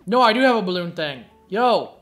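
Man, casual gameplay commentator, slightly high voice, profane and mumbly. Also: animated, normal speed, fairly bright tone, faint music behind. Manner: profane, muttering to himself.

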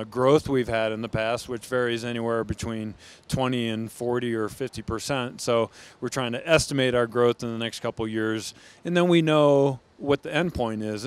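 Middle-aged American man, brewery founder type, mid-pitched smooth voice, thoughtful, interviewed with a handheld mic among steel tanks. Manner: thoughtful, with frequent restarts. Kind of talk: on-camera interview.

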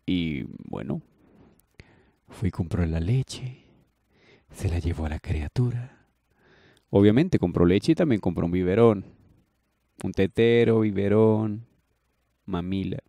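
A man's voice: low-pitched, slow pace, vocal fry, pauses often, warm tone, no echo, clean studio sound. A man casually improvising a fan-fiction story, rambling and playful with exaggerated praise and repeated filler phrases.

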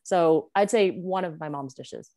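A woman's voice: sits low, unhurried, mellow. A young woman, a podcast guest, chatting casually with many hesitations and laughs. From United States.

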